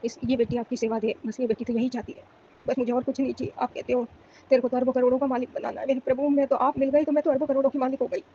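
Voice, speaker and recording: A middle-aged woman from Rajasthan pours out a pleading devotional prayer in a rapid, fairly flat delivery. Her voice is mellow and sits a little high. The recording is muffled and lo-fi, with faint hiss. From Rajasthan, India. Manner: pleading, emotional, repetitive devotional chanting. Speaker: devotee giving testimony.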